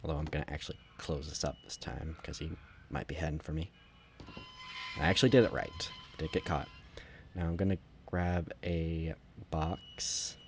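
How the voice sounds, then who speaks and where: A man's voice: extremely low pitch, fairly even intonation, normal speed, soft background music. A man casually talking through a game walkthrough, rambling and correcting himself as he goes. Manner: rambling, self-correcting, conversational. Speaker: gameplay commentator.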